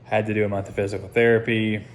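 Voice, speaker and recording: A low-pitched American man gives a casual personal update shortly after surgery. He sounds subdued and hesitant, feeling his way through each thought in short, halting phrases. There is noticeable noise behind his voice. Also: level tone. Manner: hesitant, halting, recalling piece by piece. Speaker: patient recording a recovery update. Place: seated at home, talking to camera.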